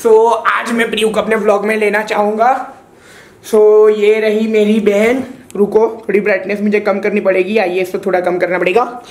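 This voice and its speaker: A man's voice: sits high, flat delivery, normal speed. A young man casually chatting to his viewers in a home vlog, playful and talkative. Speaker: vlogger.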